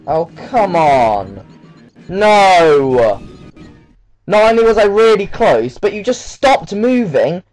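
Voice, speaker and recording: A man's voice: high-pitched, big pitch swings, slow, a little mellow. A man commentating live on a video game as a panicking, exasperated gamer who yelps and protests at the game. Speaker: gamer, let's play commentator. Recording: game music behind the voice.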